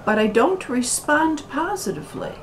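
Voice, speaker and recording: An American woman talking to camera in a slow, deliberate monologue, full of pauses and fillers. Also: high-pitched, sing-song, a little hiss or hum, poor audio. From United States. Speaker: video commentator.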